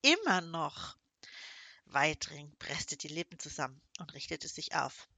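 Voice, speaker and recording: A low, bright-voiced woman narrating a novel. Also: fairly even intonation, moderate pace, vocal fry, no echo. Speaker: audiobook narrator. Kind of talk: scripted narration.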